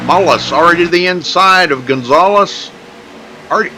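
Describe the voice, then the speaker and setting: A man's voice: high-pitched, normal speed, music in the background, low-quality recording. A man working as a motorsport commentator, giving casual, chatty live commentary on a race.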